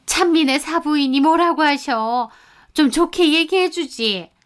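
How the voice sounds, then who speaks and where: A woman voicing a greedy, shrill middle-aged mother-in-law who screeches and scolds in a storytelling radio drama. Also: unhurried. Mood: demanding.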